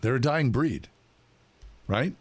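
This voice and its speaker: A man co-hosting casual radio talk, reading out items with deliberate emphasis. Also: mid-range voice, lively intonation, husky, no room sound. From Pittsburgh area, USA. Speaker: radio co-host.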